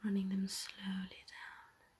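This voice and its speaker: A woman speaks in an intimate whispered role-play, playing a tender yet dominant lover. Her voice is very airy and husky, with little clear tone. She takes her time, in a gently teasing, soothing way, and keeps the melody fairly even. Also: medium pitch. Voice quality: breathy, airy. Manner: slow, breathy, intimate whispering with soft chuckles.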